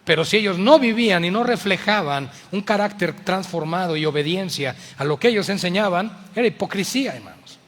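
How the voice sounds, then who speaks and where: A male pastor with a Mexican accent preaches an impassioned sermon, moving between loud appeals and hushed words. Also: high voice, expressive, a little fast, hardly any pauses, long reverb tail.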